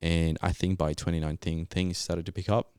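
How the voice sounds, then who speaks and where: A young man speaks fairly quickly in a low-pitched, flat, smooth voice that's a little mellow. He's a Colombian geologist and native Spanish speaker, a podcast guest casually telling his story with slangy, laid-back Australian-style expressions. The studio-quality recording is dry.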